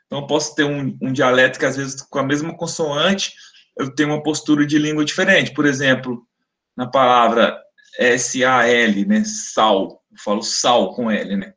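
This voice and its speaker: A man's voice: medium pitch, steady tone, normal speed, fairly bright tone. Brazilian male lecturer, casual explanatory webinar delivery, sounds out examples, mid-range voice. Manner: explanatory, demonstrates speech sounds aloud, frequent "né?" tags.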